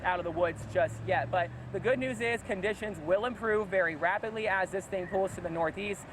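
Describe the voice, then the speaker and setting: A man's voice: high-pitched, fairly quick. A man working as a field reporter, giving unscripted live storm coverage outdoors and projecting over the wind. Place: outdoors by a flooded road in a hurricane.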